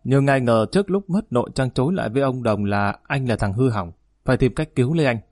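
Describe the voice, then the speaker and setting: A man's voice: mid-range voice, animated, a little mellow, no echo, clean studio sound, close to an everyday voice. A man voicing a defiant, sulky grown son arguing back at his father in an audiobook reading. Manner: defiant, rapid, whining. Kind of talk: audiobook narration.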